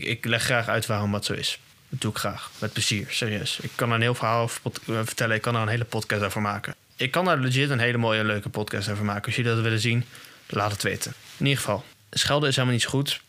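Young man with a bright, rambling delivery. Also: fairly low pitch. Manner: rambling, searching for words, frequent restarts. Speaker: podcast host. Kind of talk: casual monologue.

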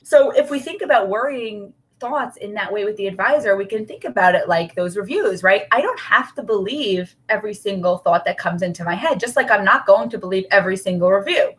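A woman's voice: medium pitch, expressive, a little fast, hardly any pauses, rough recording. A woman talking as a guest expert in a podcast interview, who acts out the worried voices in people's heads. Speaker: guest expert on child anxiety.

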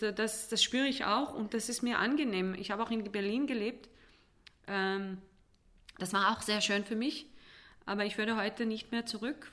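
An Israeli woman appears as an interview guest, speaking reflectively in German, which isn't her first language. Her voice is medium-pitched and fairly bright, and she is halting, often searching for words.

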